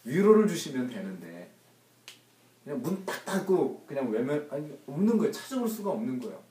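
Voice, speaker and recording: Male Bible study leader with an emphatic, questioning delivery and a warm timbre, recorded in a roomy space with faint noise. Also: on the high side, very animated, brisk, recorded from a distance. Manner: emphatic, asks the group rhetorical questions. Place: church room.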